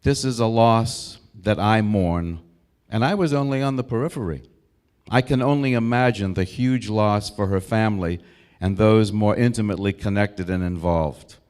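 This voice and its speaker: A man in his sixties with an American accent delivers a prepared eulogy. His voice sits a little low. He tells his memories reflectively, in short, deliberate phrases. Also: a little mellow, smooth. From Brookline, Massachusetts, United States. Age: 60s. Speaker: eulogist, old school friend of the deceased.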